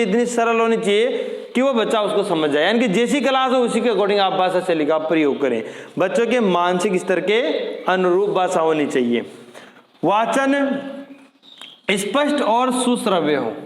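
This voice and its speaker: A man's voice: high-pitched, roomy sound, in a large hall. A man teaching an exam-prep lesson, explaining step by step and repeating key terms as questions to drill them.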